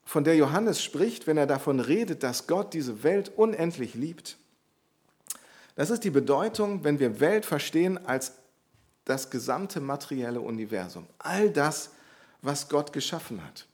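A man's voice: a little high, expressive, a little slow, darkish tone. A man preaching a sermon, explaining a Bible passage in an earnest, teaching way and repeating key phrases for emphasis.

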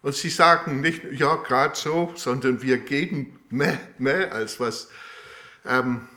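A man preaching a sermon with a live demonstration, speaking in a halting way with many fillers and restarts. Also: mid-range voice, bright, forceful tone. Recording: echoey room.

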